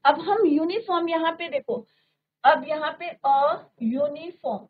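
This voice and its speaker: A woman's voice: extremely high pitch, animated, unhurried. A woman teaching a classroom grammar lesson, mixing Hindi and English and often asking the class to confirm they follow. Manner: asks frequent checking questions. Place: classroom studio. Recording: phone-like narrow band.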